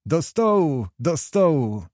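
A man voicing a male brawler nobleman with a thin, squeaky voice. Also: big pitch swings, slow pace, darkish tone, dry recording, studio quality. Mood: jovial.

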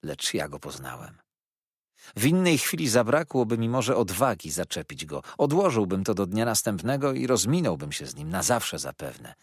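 A man narrating a classic novel in the first person, with an expressive, dreamy storytelling manner and a husky voice. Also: on the low side, normal speed, dry recording, studio quality. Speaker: audiobook narrator.

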